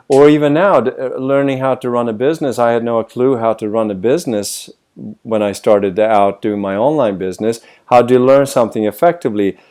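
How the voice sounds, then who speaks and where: On a video call, a Swedish voice coach in middle age gives thoughtful interview answers, often asking rhetorical questions. He has a low, warm, clean-toned voice.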